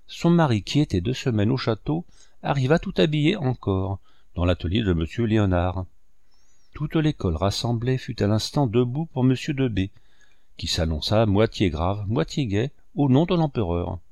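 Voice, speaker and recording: Low, gravelly male storyteller. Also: no room sound. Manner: measured, expressive literary reading. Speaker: audiobook reader. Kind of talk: scripted narration of a classic French tale.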